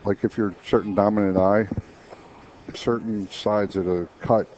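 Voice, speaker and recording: Male pool commentator, low mellow voice, chatty shot analysis, dull lo-fi stream audio. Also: fairly even intonation, unhurried, a little hiss or hum. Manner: chatty, explains shots with frequent restarts. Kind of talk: casual match commentary.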